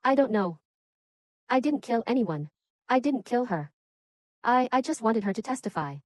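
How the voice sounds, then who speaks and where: A woman's voice: a little high, lively intonation, normal speed, a little mellow, no room sound, lightly acted. A woman in an English drama dub playing a confused, frightened older auntie who keeps repeating denials. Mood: frantic. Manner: repetitive frantic denials.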